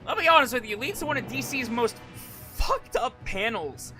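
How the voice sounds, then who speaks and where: This man's voice is very high, pushed, and bright, swinging widely in pitch at a normal speed. He's a virtual YouTuber streaming casual commentary with soft music behind him, hesitating, rambling, and frequently repeating or restarting what he says.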